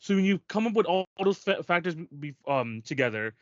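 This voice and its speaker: A man's voice: a little high, animated, brisk, dry recording, muffled recording. A man co-hosting a sports podcast, talking in casual chat with emphatic, restarting sentences. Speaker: podcast co-host.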